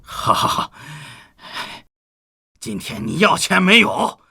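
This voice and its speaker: A blustering village chief. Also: male voice, high voice, wildly swooping pitch, slow, gravelly, slight background noise, exaggerated voice. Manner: shouting, blustering, wailing. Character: blustering middle-aged village chief, doting father. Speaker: village chief, father of the bully. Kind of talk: short-drama acting.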